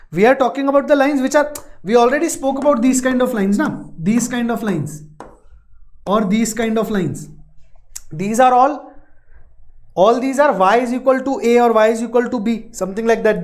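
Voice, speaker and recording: A woman's voice: on the high side, darkish tone. A woman with an Indian accent teaching maths in a live online lesson, explaining step by step, repeating phrases and adding short check-in questions.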